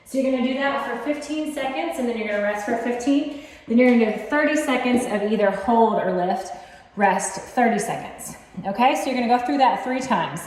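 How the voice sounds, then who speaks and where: A woman's voice: fairly high pitch, fairly quick, a little mellow. A woman fitness coach explaining exercises step by step in a casual, encouraging way, recorded in an echoey basement gym. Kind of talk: instructional workout demonstration.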